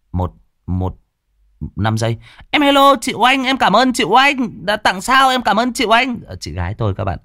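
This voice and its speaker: Male story host, casual chatty intro, deep voice, dry close sound. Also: no echo. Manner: chatty, greets viewers, many fillers.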